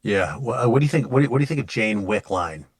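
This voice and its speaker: Man, very low voice, dry close sound, casual rambling podcast chat. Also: lively intonation, quick pace, no room sound. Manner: rambling, many restarts and fillers. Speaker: podcast co-host.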